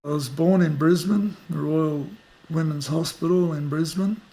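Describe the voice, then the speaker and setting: Gravelly aussie guy in his 50s, bit high for a man, slow and thoughtful, lots of ums. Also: mellow. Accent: Australian. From Australia. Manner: unhurried, reflective, trails off in fillers. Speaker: musician interviewee. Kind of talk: casual interview. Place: outdoors at the back of a house, rainy day.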